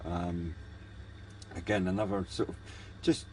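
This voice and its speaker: This casual hobby product review comes from a man with a low voice who talks at a measured pace and keeps his intonation fairly even. He's tentative and understated and tends to meander. Background noise is clearly audible on the handheld camera audio.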